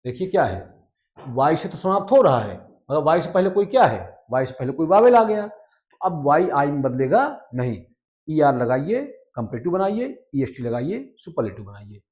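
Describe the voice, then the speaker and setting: A man teaching a grammar lesson. He repeats each rule in Hindi, reads the English lines slowly and keeps checking in with his listeners. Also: fairly high pitch, big pitch swings, a little mellow, lo-fi sound. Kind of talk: explaining a lesson.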